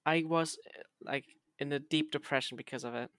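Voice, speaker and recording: A woman's voice: low-pitched, fairly quick, a bit bright, no room sound. Playful woman chatting, close dry sound. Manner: playful, dryly teasing. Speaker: podcast co-host. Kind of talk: casual chat.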